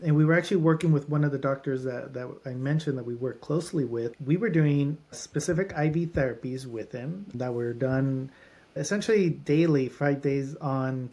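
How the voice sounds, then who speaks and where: A man's voice: fairly high pitch, warm tone. A man who is a doctor at a holistic clinic, a guest on a podcast, explaining treatments in runs of lists with frequent restarts.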